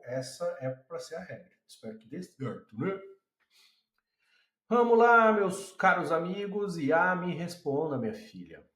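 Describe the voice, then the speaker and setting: A man with a Brazilian Portuguese accent, casually walking viewers through a software demo and thinking aloud as he clicks. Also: a little high. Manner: chatty, addresses viewers as a group, thinks aloud. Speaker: tutorial presenter. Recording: roomy echo.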